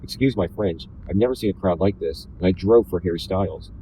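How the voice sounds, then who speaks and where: A man voicing a polite, starstruck middle-aged male chauffeur in a plain, deadpan novel reading. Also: low voice, a little fast, a little hiss or hum, lightly acted, low-quality recording.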